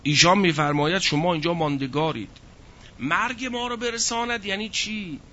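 A man giving a religious lecture who recites verses slowly and explains them with rhetorical questions. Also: high voice, bright, forceful tone. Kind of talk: Quran exegesis lecture. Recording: dull lo-fi recording.

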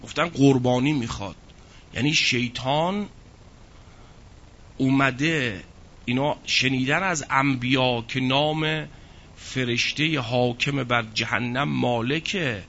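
A man giving a religious lecture who recites verses slowly and explains them with rhetorical questions. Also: medium pitch, a bit bright. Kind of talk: Quran exegesis lecture. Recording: dull lo-fi recording.

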